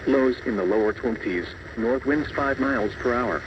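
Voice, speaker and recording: A synthetic male announcer voice, medium in pitch and moderate in pace, reads a scripted weather bulletin impersonally in short, clipped phrases. It's a text-to-speech voice, heard from a distant mic through muffled, noisy radio reception.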